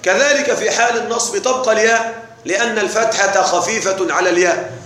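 A man teaching an Arabic grammar lesson, slowly repeating rules and often checking that his students follow along. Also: high-pitched, fairly bright tone. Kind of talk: classroom lesson explaining morphology. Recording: very echoey room with faint noise.

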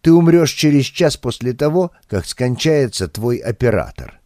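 A man reading an audiobook, voicing a calm tree-man who foretells people's fates in a measured, low voice. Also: no room sound, studio quality. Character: calm suffering male tree-man prophet.

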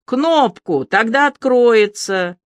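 A man's voice: very high-pitched, animated, takes it slowly, no room sound, voice pushed up, full character voice. A reader voicing an angry, commanding man who speaks harshly and cuttingly.

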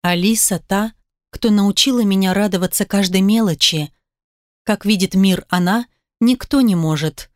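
A woman narrating a romance novel in an even, measured reading. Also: mid-range voice, dry recording, studio quality. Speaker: audiobook reader. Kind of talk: scripted narration.

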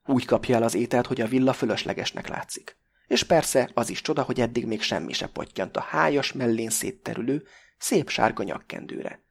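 A man narrating an audiobook in a measured, expressive reading style. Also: mid-range voice, gravelly, slightly rough. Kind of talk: scripted narration.

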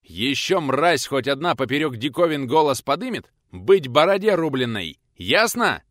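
A man voicing a fierce elderly retired teacher who shouts and scolds in rustic old speech. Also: mid-range voice, very animated, moderate pace, no room sound, clean studio sound, voice pushed up. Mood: furious shouting.

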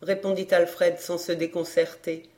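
A woman reading a classic detective novel aloud in measured, clear narration. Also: lowish voice, flat delivery, a little mellow. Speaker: audiobook reader. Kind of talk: literary audiobook narration.

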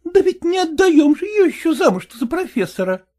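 A woman voicing an exasperated middle-aged mother who defends herself and tries to calm her husband, in an audiobook reading. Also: very high voice, a little fast, voice pushed up. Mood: soothing. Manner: defensive, pleading.

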